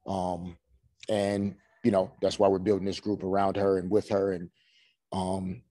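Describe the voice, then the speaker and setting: A man in his forties, a head coach answering postgame press questions in a measured way, full of "you know" fillers, over a video call. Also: sits low, flat delivery, mellow, dry recording. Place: small room before a team logo backdrop. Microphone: video call webcam.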